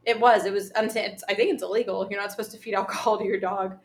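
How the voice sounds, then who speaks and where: An animated woman in casual conversation, recounting a story and acting out the people in it. Her voice sits at a middle pitch, and a faint hiss of noise runs under it. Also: fast talker. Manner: animated storyteller, mimics people she describes. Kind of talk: casual chat.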